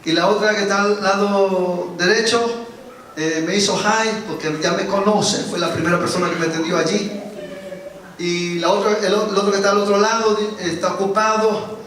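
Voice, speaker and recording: A man's voice: high voice, steady tone, moderate pace, a bit bright, a little hiss or hum. A man preaching a sermon as pastor, telling a story and repeating words for emphasis. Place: church hall. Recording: echoey church hall, distant mic.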